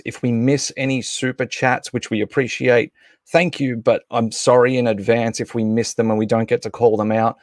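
A man in his thirties or forties hosts a livestream, making casual announcements and introductions in an off-the-cuff, hesitant way. His voice sits at a medium pitch, and the recording is dry and studio quality.

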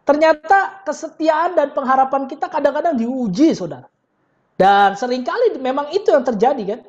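A woman pastor preaching a conversational, animated sermon in a church and acting out the quotes she tells. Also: high-pitched, normal speed, muffled recording.

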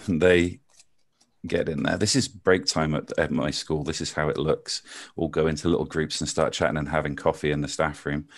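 A man with a soft Bristol accent talks in a deep register, close and dry with almost no room sound. He explains card tricks over a video call in a loose, joking way, poking fun at his own lack of skill. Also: flat delivery, normal speed, no echo. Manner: self-deprecating, jokey, chatty with frequent ums. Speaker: maths teacher performing card tricks. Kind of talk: casual chat and card trick demonstration.

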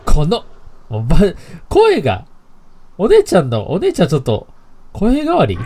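A man's voice: on the high side, a little mellow, slight background noise. A man playing a horror game, commenting casually, reading lines aloud and joking. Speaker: game streamer.

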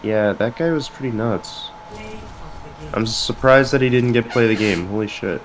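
A man's voice: lowish voice, moderate pace, low-quality recording. A man in a casual gaming voice chat, joking and swearing as he plays. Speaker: gamer in a team voice chat. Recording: game noise behind voice. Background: video game sounds.

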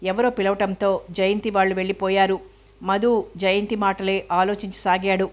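A woman narrating a novel as an audiobook in a steady, even reading manner. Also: mid-range voice, moderate pace.

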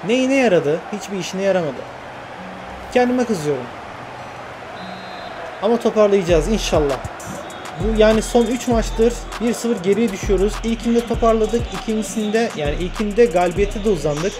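Excitable young man narrating a game. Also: sits high, moderate pace. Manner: excitable, shouts at the game, talks to himself. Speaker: gaming YouTuber. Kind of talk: football game commentary. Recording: game music clearly under the voice.

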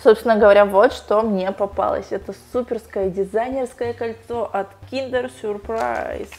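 A young woman with a mid-range, steady, slightly mellow voice chats playfully at a normal speed, talking to her dog and her viewers while unboxing toys for a casual vlog. She sits in the bathtub of a small tiled home bathroom, recorded on a lapel mic.

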